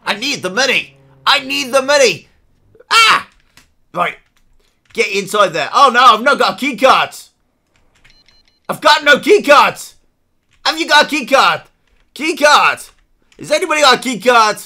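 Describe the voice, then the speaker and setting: A live game streamer talks through play in a bright, sharp voice. The pitch leaps all over the place as they shout and repeat themselves. They keep up a running, excitable commentary and read chat aloud. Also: unhurried, long pauses.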